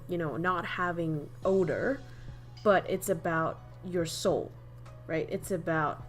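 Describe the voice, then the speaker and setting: A young woman from northern Vietnam, speaking with a Vietnamese accent, chats casually on a livestream while teaching idioms. Her voice is fairly low in pitch, and she's chatty, laughs often and reads the chat aloud.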